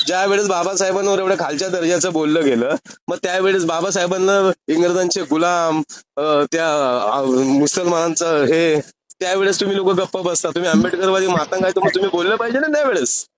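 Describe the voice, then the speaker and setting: A man with a high voice talks a little fast on a recorded phone call. He's arguing insistently, challenging the other person with pointed rhetorical questions.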